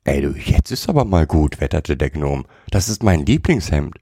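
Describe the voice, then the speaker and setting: A man voicing a cheeky, chubby little male gnome with a croaky voice who talks in brash slang and keeps saying "ey". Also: a bass voice, expressive, normal speed, a little mellow, dry recording, clean studio sound, exaggerated voice. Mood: grumpy, cheeky. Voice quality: croaky, says "ey" constantly. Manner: brash, rude street slang.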